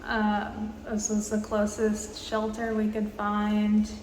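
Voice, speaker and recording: Recording in a small tiled public bathroom, a vlogger in her twenties makes casual travel-vlog conversation at a medium pitch. Her speech is slow, even, and halting, full of pauses and fillers, and the indoor space gives it a roomy echo with faint noise behind.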